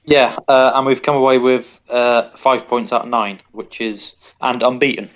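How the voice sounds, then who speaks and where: A man's voice: mid-range voice, little pitch movement, moderate pace, fairly bright tone. Rambling wry man, lo-fi sound. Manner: rambling, self-correcting, wry. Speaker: podcast co-host. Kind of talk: casual football chat.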